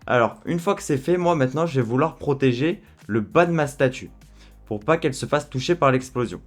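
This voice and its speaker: A man walking viewers through a software tutorial in a relaxed, chatty way, with frequent fillers. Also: mid-range voice, a little fast, faint music behind. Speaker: tutorial host. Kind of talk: screen-recorded software tutorial.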